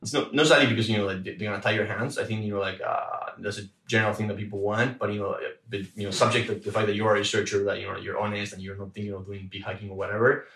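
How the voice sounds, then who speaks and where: A man from Argentina, a researcher answering interview questions, talking quickly with many fillers and restarts. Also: lowish voice, level tone, fairly bright tone, echoey room, distant mic, low-quality recording. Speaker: researcher guest.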